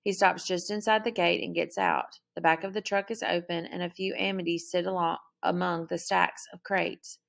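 Woman narrator, first-person novel reading, heavy vocal fry, low pitch, steady pace. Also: moderate pace, few pauses. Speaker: audiobook narrator.

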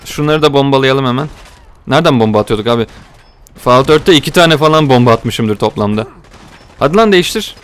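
A young man giving casual, joking gameplay commentary, talking to viewers and getting excited during the action. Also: medium pitch, brisk, clear, resonant tone. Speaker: gaming video host.

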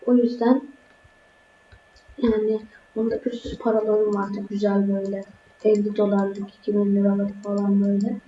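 A woman's voice: mid-range voice, flat delivery, moderate pace, pauses often, reverberant, highs cut off, a little hiss or hum. A woman giving let's-play commentary to her viewers, keeping her voice down, now and then crying out when startled. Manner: talks to viewers, easily startled, exclaims when scared; keeps voice down, speaks softly. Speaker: gaming YouTuber. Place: indoor room at home.

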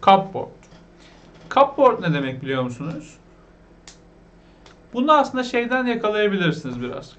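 A man with a Turkish accent teaching beginners English vocabulary, asking questions and repeating each word slowly. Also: fairly high pitch, fairly bright tone, lo-fi sound. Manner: asks the viewers questions, repeats the words slowly.

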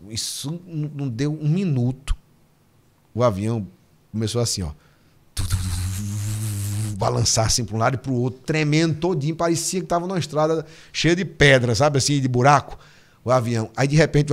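A man, a missionary guest on a podcast, telling stories in a lively, repetitive, acted-out way. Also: mid-range voice, a little fast. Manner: vivid storyteller, repeats himself, acts out scenes. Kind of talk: casual storytelling interview.

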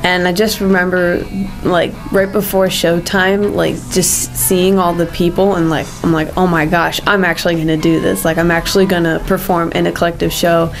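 A young woman answering interview questions excitably in a studio, with many "like"s. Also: on the low side, faint music behind. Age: young adult. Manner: excitable, quick bursts, many "like"s. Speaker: music school student. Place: indoor studio in front of a backdrop.

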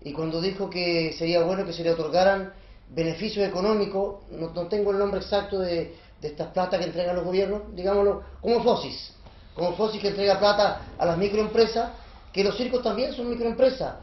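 Polite high-voiced man, a talk show guest. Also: steady tone, a little fast, echoey room, highs cut off.

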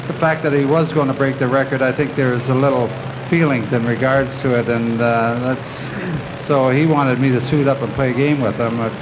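An older man answering questions at a press conference, halting and reflective, with many pauses. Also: mid-range voice, steady tone. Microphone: table microphones at the podium. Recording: dull, noisy old video recording.

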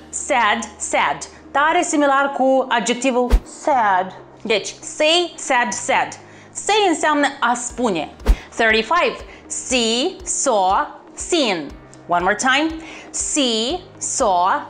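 A woman teaching an English lesson online, upbeat and encouraging, repeating words slowly and clearly. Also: on the high side, fairly bright tone. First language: Romanian.

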